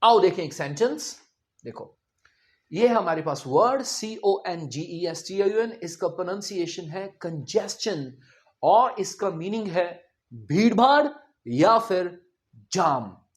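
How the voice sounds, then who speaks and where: A man teaching pronunciation in a classroom lesson, drilling words slowly through repetition. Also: sits high, expressive.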